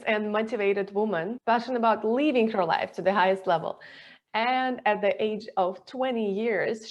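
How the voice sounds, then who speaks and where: A woman hosting a podcast interview, enthusiastic and asking rambling questions in non-native phrasing. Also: medium pitch. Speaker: podcast host.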